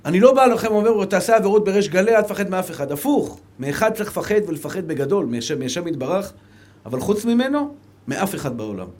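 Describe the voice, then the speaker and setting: A male rabbi with an Israeli accent delivers a fervent Torah lecture with lively intonation. He drops into soft, low asides, then rises again to emphatic calls.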